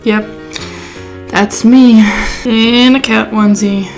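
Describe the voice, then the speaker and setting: A woman's voice: on the high side, steady tone, slow pace, soft background music. A young woman doing a scripted comedic vlog monologue at home into a close mic, in a mock commercial-style voice. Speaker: YouTuber. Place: home, indoors.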